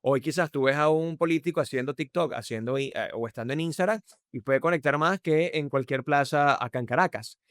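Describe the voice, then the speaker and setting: A man's voice: fairly quick, no echo, studio quality. A Venezuelan man with a Venezuelan accent, a podcast guest explaining communication emphatically and shifting his tone to demonstrate. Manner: emphatic, varies his pitch and loudness to demonstrate. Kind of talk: conversational explanation.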